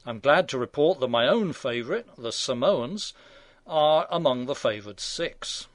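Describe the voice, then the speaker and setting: A man's voice: medium pitch, expressive, measured pace, no room sound. A man in his sixties, hosting a scripted opinion commentary with dry, sardonic asides. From England. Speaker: radio commentary host.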